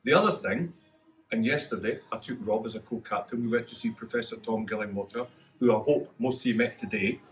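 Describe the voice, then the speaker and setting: A man's voice: mid-range voice, fairly quick, noisy background. A man captaining a charity ride, speaking earnestly to the group with jokey asides. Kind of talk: speech to a group.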